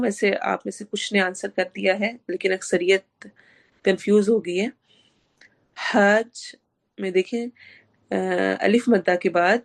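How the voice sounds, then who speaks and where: Woman, tajweed teacher, slightly hoarse throat, online lesson, explains step by step, asks questions, medium pitch. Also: a little mellow. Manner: mixes English words into her speech. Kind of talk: online class lecture.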